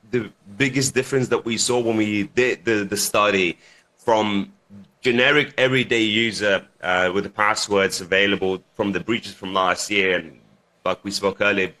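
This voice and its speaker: A man, born in Lithuania and raised in the UK, speaking haltingly as a guest on a radio talk show. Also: on the low side, fairly even intonation, pushed and bright. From United Kingdom. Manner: halting, restarts often, laughs easily.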